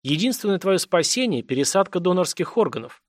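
A man's voice: high voice, sing-song, fast, dry recording, clean studio sound, pitched above the performer's own voice. A man voicing a sardonic, worried male doctor who probes with questions, read as an audiobook character. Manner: sardonic, probing.

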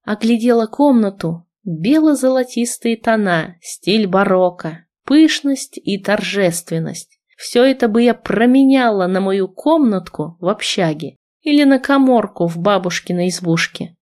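Female audiobook narrator, measured and expressive, first-person reading. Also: mid-range voice.

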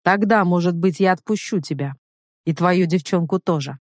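A cold, sneering crime boss consumed by hatred, read by a woman in a dry, close audiobook voice. He speaks with icy menace that breaks into hoarse rage. A spoken romance thriller. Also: lowish voice, moderate pace, darkish tone, no echo, close to an everyday voice. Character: cruel vengeful middle-aged male gang boss.

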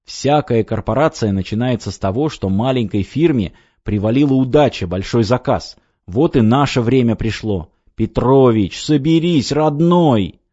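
A man reading an audiobook, voicing a pushy, scheming male construction director who coaxes and urges loudly. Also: mid-range voice, expressive, moderate pace, no room sound, highs cut off, natural voice. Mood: urgent coaxing. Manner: coaxing, urgent, exclamatory.

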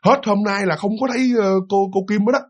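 A man casually retelling a ghost story, animated and full of fillers and repeats, acting out the voices he quotes. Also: sits high, fast talker, husky, highs cut off.

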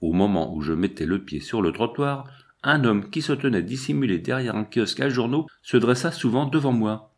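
A man reading a novel aloud in a measured, storytelling way. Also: medium pitch, expressive. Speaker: audiobook narrator. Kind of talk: scripted narration.

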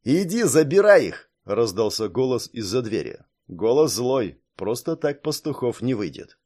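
A man narrating an audiobook in a steady, even reading voice. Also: lowish voice, moderate pace. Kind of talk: scripted narration.

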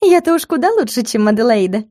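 A woman's voice: on the high side, expressive, fast, dark tone, slightly rough, dry recording, studio quality. A woman reading an audiobook, voicing a bold, pert young female assistant. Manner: pert, sulky.

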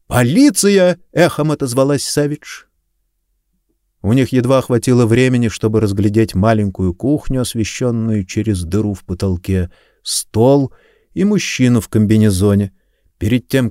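A man reading an audiobook in a steady, measured scripted narration. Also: on the low side, no echo, clean studio sound.

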